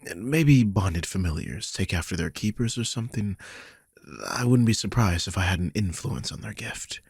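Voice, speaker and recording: A man with a fairly low, darkish, husky, breathy voice performs one side of a dramatic audio roleplay as a guilty vampire king guarding his charge. Expressive and at normal speed, he sounds worried and urgent, confiding wearily with sighs and swearing. The studio recording has no echo.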